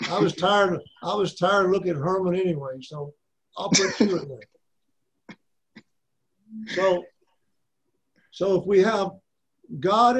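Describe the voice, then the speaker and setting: A man's voice: high voice, husky. A man in his seventies from Arkansas with an Arkansas accent, teaching a Bible class in a folksy way and repeating his points for emphasis.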